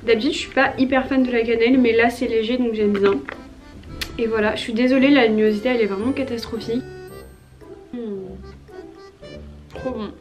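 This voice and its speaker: A woman's voice: fairly high pitch, fairly even intonation, brisk, pauses often, a little mellow. A young woman in her twenties from France, chatting casually to camera in a vlog at home, with many hesitations and fillers. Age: 20s. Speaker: vlogger. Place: indoors at home. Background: background music.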